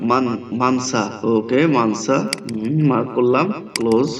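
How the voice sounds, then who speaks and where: A man teaching a computer lesson, calmly narrating each click step by step. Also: medium pitch, unhurried, background noise. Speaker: software tutorial instructor. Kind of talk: screen-recorded software lesson. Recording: dull lo-fi mic from a distance.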